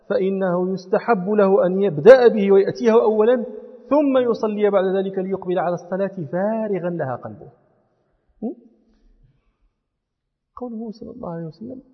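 Give me a man lecturing students on grammar, patient and explaining, with a husky voice. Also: sits high. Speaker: teacher of Islamic law and Arabic grammar. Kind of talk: classroom lecture. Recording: lo-fi recording in a reverberant hall.

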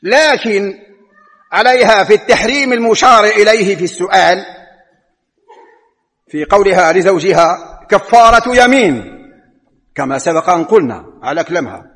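A man with a Moroccan accent delivering a Friday sermon in a mosque, measured and emphatic, rising in pitch to stress points. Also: expressive, a bit bright. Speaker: preacher. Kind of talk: Friday sermon with religious rulings. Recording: long reverb of a large hall.

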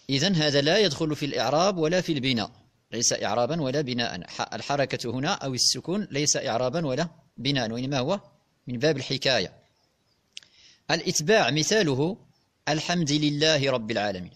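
A man's voice: a little high, a bit bright. A man teaching classical grammar, methodically explaining and repeating examples to his students. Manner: methodical, repeats and spells out examples, addresses listeners directly.

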